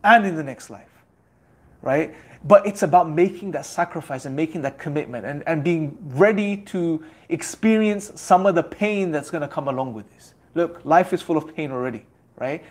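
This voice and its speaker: In a motivational religious talk at normal speed, a young man with a somewhat higher-than-usual male voice earnestly exhorts his audience. Repetition is his main rhetorical tool for building his case.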